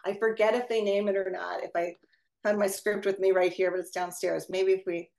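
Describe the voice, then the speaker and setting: A woman hosts a discussion over a video call, speaking at a middle pitch. She talks in loose, chatty runs full of asides and self-corrections, like someone thinking aloud among colleagues. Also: little pitch movement, gravelly, darkish tone. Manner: chatty, digressive, quick asides. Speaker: discussion leader.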